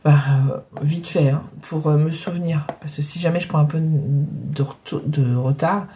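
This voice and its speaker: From her home craft room, a middle-aged scrapbooking vlogger rambles casually to viewers despite a cold that leaves her nose blocked and her breathing heavy. She speaks in a low, dark voice with fairly even intonation at a moderate pace, hesitating often with many fillers and restarts.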